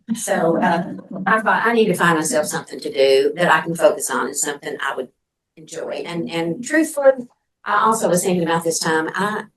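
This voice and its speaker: Older woman telling a personal story, lower-pitched. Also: a bit bright, rough recording.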